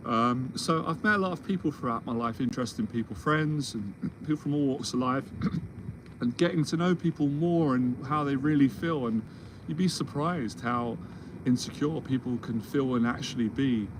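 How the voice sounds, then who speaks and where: A man's voice: mid-range voice, normal speed, noisy background. A man of forty, a confidence mentor, talking in a rambling, reassuring solo Q&A and often restarting his sentences. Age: 40s. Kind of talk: solo Q&A monologue. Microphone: livestream or video call setup.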